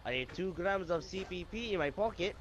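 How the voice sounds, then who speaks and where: A man's voice: sits high, animated, fairly quick, crowd noise. A man voicing a shifty Russian suspect in game role-play, his put-on Russian accent slipping on and off. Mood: evasive. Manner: accent slips on and off.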